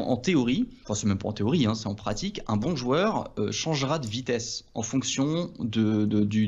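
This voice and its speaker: A man walking through poker ideas in a relaxed lesson. He talks hesitantly and keeps restarting his phrases. The sound is a little dull and muffled. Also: medium pitch. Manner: hesitant, many restarts and fillers. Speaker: poker coach. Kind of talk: casual two-host poker lesson.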